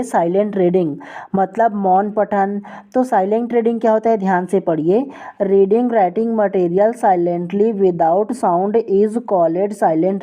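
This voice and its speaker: A woman teacher giving an online exam-prep lesson, reading each definition out slowly and then explaining it step by step, often asking what the term is called before answering. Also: medium pitch, dark tone, muffled recording. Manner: repeats the question "what will we call it?" before each answer.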